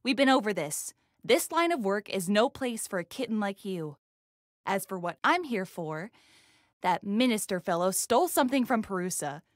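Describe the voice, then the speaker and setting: A woman's voice: medium pitch, big pitch swings, normal speed, no room sound, clean studio sound, close to an everyday voice. A woman playing a cocky, teasing wildcat airship captain and older sister in a video game.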